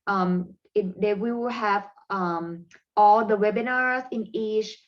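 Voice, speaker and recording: The clip is lo-fi: a woman with a mid-range voice and a Thai accent, Thai being her first language, presents parent coaching strategies in a webinar. She often stops, fills gaps with fillers, and phrases things in a non-native way.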